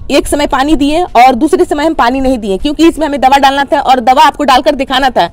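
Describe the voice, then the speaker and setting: A woman hosting a gardening channel, calmly explaining plant care step by step and addressing viewers as friends. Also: high voice, brisk. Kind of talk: instructional how-to talk.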